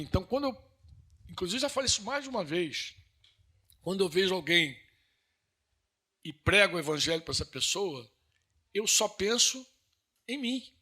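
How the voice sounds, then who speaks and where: A man with a Brazilian Northeastern accent preaches earnestly and conversationally, asking his listeners questions. His tone is bright and forceful, rising to emphatic, high-pitched peaks.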